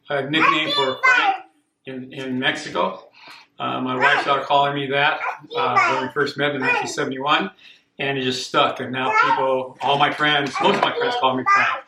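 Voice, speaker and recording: An older man from Costa Rica giving a plain, unhurried home cooking demonstration, repeating himself now and then. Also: fairly high pitch, huge pitch swings. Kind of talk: casual home cooking demo. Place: echoey home kitchen. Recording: echoey kitchen with clear background noise.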